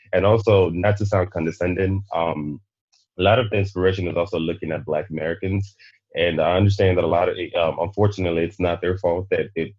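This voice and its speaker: Nigerian-born guy hosting a panel, super deep voice, dry muffled sound. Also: darkish tone, dry recording. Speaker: podcast host. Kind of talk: panel discussion.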